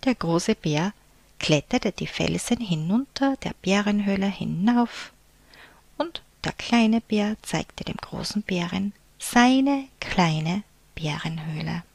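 A woman reading a picture book aloud to children in a soft, unvoiced whisper, as a whispered storybook reading. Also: medium pitch, expressive, slow, vocal fry, no echo.

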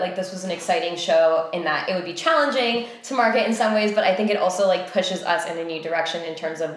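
Chatty woman in an echoey room. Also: mid-range voice. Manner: chatty, filler-heavy, thinking aloud. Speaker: theatre company co-founder and director. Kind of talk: casual conversation.

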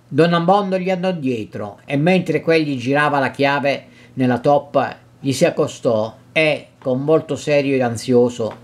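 A man narrating a classic novel in a measured reading, with occasional slips and restarts. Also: mid-range voice.

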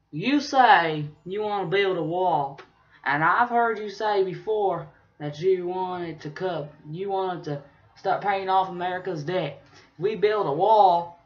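A young man playing a rambling, opinionated redneck vlogger with a rural drawl. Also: sits high. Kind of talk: casual vlog rambling in character. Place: small bedroom, indoors. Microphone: webcam or laptop mic at arm's length. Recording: dull lo-fi webcam sound.

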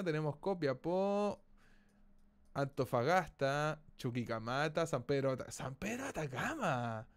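A man with a Chilean accent giving live gameplay commentary as a streamer, excitable, exclaiming and swearing casually. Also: fairly high pitch, smooth.

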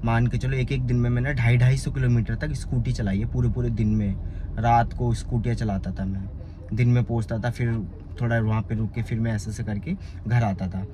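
A young man from Uttar Pradesh in India chats through a casual vlog. He rambles along in a middle-pitched voice, with sudden excited rises in his talk. The phone recording carries clear background noise. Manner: chatty, rambling, with lively rises. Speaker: vlogger. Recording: noisy outdoor phone recording.

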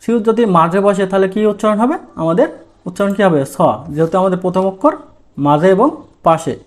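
A man's voice: high voice, quick pace. A male language teacher giving a lesson, asking questions and answering them himself. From Bangladesh. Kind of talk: lesson in Bengali.

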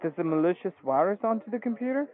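A man's voice: sits high, animated, quick pace. A man working as a call center tech support agent, formal and polite, speaking over a phone line. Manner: formal, polite, addresses caller as sir. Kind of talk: scripted phone customer service, Indian call center manner. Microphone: telephone call. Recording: muffled narrow phone line.

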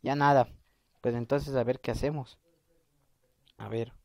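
A man's voice: mid-range voice, fairly even intonation, a little slow, vocal fry, no room sound, studio quality. A young man narrating a comedic game video in a goofy way, swearing and joking. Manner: goofy, swears and yelps for laughs. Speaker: gaming video creator.

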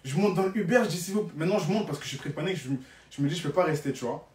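A young man telling a story on a live stream in an animated, dramatic way, repeating phrases for emphasis. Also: on the high side, very fast. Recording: roomy, distant from the mic.

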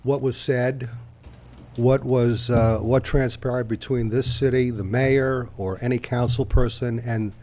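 An older man speaks at a council chamber podium microphone in a dark, mellow voice. He talks conversationally, stopping often on filler sounds as he works through his points. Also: medium pitch, fairly even intonation. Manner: halting, many filler pauses, conversational. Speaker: public commenter at city council. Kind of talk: public comment speech.

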